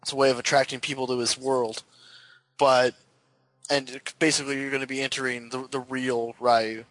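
A man's voice: mid-range voice, little pitch movement, moderate pace, fairly bright tone, dry recording, poor audio. A man co-hosting a gaming show in casual, banter-style talk, swearing freely as he goes. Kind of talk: casual video game banter.

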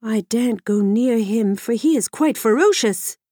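A woman's voice: fairly high pitch, moderate pace, warm tone, dry recording, studio quality, close to an everyday voice. A woman voicing a timid but eager peasant boy who speaks earnestly. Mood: fearful.

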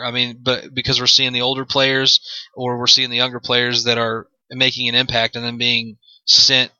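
A man in his mid-twenties with an American accent hosts an unscripted solo sports podcast, rambling along, repeating his phrases and leaning on "you know." His mid-range voice sounds bright and forceful. The recording has no echo but comes across dull.

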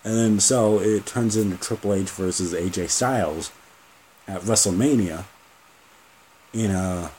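A low-voiced man rants on his solo podcast, jumping between ideas and swearing freely. His tone is dark and mellow, with a faint noise floor underneath. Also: a little slow, pauses often, rough recording. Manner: rambling, profane, joking. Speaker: podcast host. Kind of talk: casual solo podcast rant.

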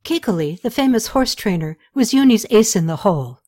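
A woman narrating a historical novel in a steady, even storytelling voice. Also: mid-range voice, fairly quick. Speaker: audiobook narrator. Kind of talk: scripted narration.

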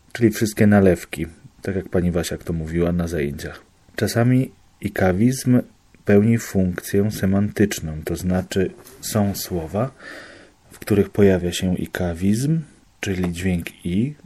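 A man calmly explaining a language topic step by step, pausing to reassure and give examples. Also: low voice, breathy edge. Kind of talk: study explainer.

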